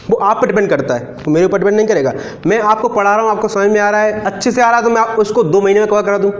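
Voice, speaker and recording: A high-voiced male maths teacher lectures a classroom of students. He talks casually and checks in with them every few sentences. The room is echoey. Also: muffled recording. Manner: talkative, asks students frequent check questions.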